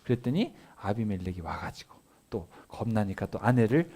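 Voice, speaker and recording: A male pastor giving a casual family sermon. He retells scripture as a lively story and keeps asking his listeners rhetorical either-or questions. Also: fairly low pitch, moderate pace, slightly rough. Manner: conversational, animated storytelling.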